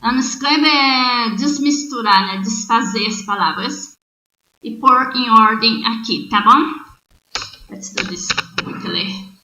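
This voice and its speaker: Slightly high and slightly slow, this woman's voice comes across pushed and bright. Brazilian-accented and Portuguese by birth, she explains an English lesson online in two languages, spelling sentences out word by word. Faint noise sits under a roomy, muffled lo-fi recording.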